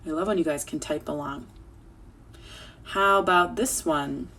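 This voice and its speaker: A woman teaching children an online phonics lesson, sounding out words slowly and clearly. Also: low voice, fairly bright tone, slight background noise.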